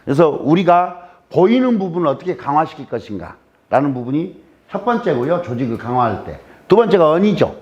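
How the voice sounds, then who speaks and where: A guest lecturer from Jeolla, South Korea, with a Jeolla Korean accent, gives a humorous lecture in a lecture room, teasing the audience and firing rhetorical questions at them. His high voice moves fairly quickly and rises and falls in animated waves. The recording sounds dull and lo-fi.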